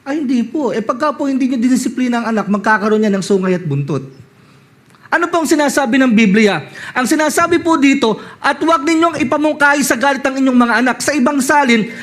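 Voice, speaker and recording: Filipino male lay preacher, very high voice, animated sermon delivery with slow scripture readings. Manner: animated, swings from high reading voice to low asides; reads scripture slowly and loudly.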